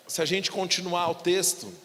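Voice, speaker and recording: A man from Brazil with a São Paulo accent, preaching a sermon as pastor, dramatically acting out biblical dialogue and rising to shouts. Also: sits high, steady tone, normal speed. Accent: São Paulo Portuguese. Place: church hall. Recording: long church hall reverb.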